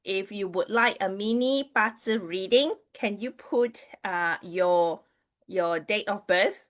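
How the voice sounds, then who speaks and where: A Chinese astrology reader from Malaysia, whose mother tongue is Mandarin Chinese, hosts an easygoing livestream and talks with viewers, restarting often and using many fillers. Her voice is mid-range and she speaks slowly.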